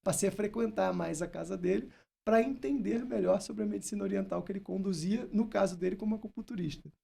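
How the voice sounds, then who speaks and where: A Brazilian man hosts a podcast in a relaxed, reflective way, telling stories and asking questions. His voice sits high and moves quickly, gravelly and dark in tone with a breathy edge.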